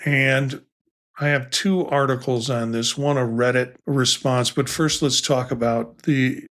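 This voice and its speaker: A man's voice: mid-range voice, fairly even intonation, unhurried, fairly bright tone. Rambling male tech podcast co-host. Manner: rambling, with many restarts and asides. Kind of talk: casual tech podcast chat.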